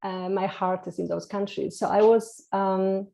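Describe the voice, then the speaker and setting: Slow, gravelly-voiced woman. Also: medium pitch, little pitch movement, dark tone, poor audio. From Poland. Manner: slow, hesitant, many pauses. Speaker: guest coach. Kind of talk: casual interview chat.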